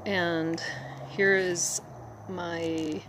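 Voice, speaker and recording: Slow, low-voiced woman giving a garden tour. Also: level tone, a bit bright, slight background noise. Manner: unhurried, pointing things out as she walks. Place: outdoor garden. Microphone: handheld phone, speaker behind camera. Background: crickets and outdoor ambience.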